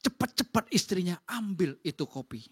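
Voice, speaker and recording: A woman pastor, preaching in a lively, colloquial way and acting out quotes. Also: on the low side, moderate pace, slightly rough. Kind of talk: sermon. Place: church.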